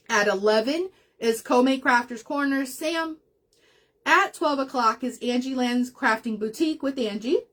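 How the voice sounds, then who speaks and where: A woman's voice: a little high, a bit bright. A woman hosting a craft livestream, chatting casually while she works, getting emotional and laughing often as she talks to her viewers.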